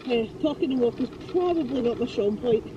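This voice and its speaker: A woman's voice: fairly high pitch, lively intonation, fast talker. A young Scottish woman chatting casually to camera in a vlog, gushing and full of fillers. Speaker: travel vlogger. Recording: dull lo-fi sound with clear background noise.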